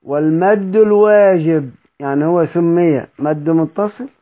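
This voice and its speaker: Egyptian Arabic man, teacher, slightly high voice, repeats and quizzes, dull lo-fi audio. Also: unhurried. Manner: explanatory, repeats points and quizzes students. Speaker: Quran recitation teacher. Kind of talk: recorded study session lecture.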